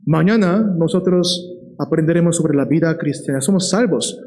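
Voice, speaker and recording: A man preaching a sermon with a fairly high, mellow voice. He keeps checking in with his listeners with short questions and slows down to lean on key words. His delivery is lively and direct. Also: rough recording. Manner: lively, checks in with the listeners, often asking "¿verdad?".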